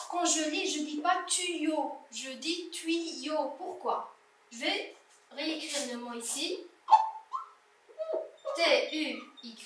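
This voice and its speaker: A woman's voice: sits high, sharp tone. A woman teaching a primary school French reading lesson, patiently sounding out words syllable by syllable for young children. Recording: echoey room, voice from a distance.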